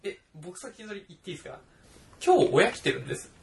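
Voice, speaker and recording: A young man co-hosting a casual podcast chat, animated and quick to laugh. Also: sits high, vocal fry. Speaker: podcast co-host.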